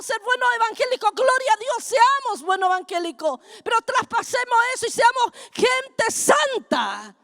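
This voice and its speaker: Lady preaching, super high voice, gets loud and fiery, keeps saying brother. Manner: fervent, builds to shouting, addresses "hermano". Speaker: apostle preaching at a congress. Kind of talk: sermon.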